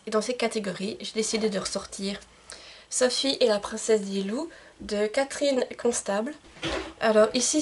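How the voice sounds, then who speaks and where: A woman's voice: mid-range voice, slight background noise. A woman book vlogger chatting casually to camera about book recommendations, with many fillers and restarts. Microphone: camcorder.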